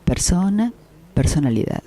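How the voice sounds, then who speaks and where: A man giving a spiritual lecture, speaking in a measured way with pauses and restarts, repeating key phrases. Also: high-pitched, very animated, warm tone. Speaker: spiritual teacher.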